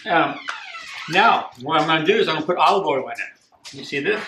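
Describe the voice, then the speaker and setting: An older man from Costa Rica giving a plain, unhurried home cooking demonstration, repeating himself now and then. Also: a little high, expressive, music in the background. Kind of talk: casual home cooking demo. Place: echoey home kitchen. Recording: echoey kitchen with clear background noise.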